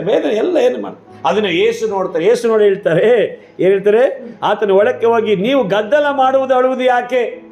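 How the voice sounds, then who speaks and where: A man's voice: on the high side, a little mellow, reverberant. A male pastor preaching a sermon with fervent, repetitive exclamations that rise and build.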